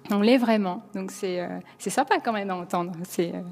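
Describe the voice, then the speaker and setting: A woman's voice: mid-range voice, moderate pace, darkish tone, in a large hall. A French woman talking casually in an interview, with many fillers and restarts as she works out her thoughts. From France. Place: New York.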